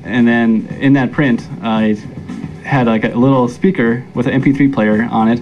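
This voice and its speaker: A man's voice: mid-range voice, fairly even intonation, moderate pace, highs cut off, faint music behind. A man in his thirties with an American accent, talking casually as an interviewee. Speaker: interviewee, sports fan.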